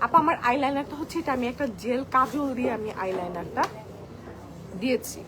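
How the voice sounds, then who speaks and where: A woman runs a live-stream sale in a crowded indoor store outlet, chattily showing products and calling her viewers apu, her volume shifting between soft and loud. Her high-pitched voice moves with lively intonation at a fairly quick pace. On the clip-on mic, crowd noise and shopper chatter fill the background.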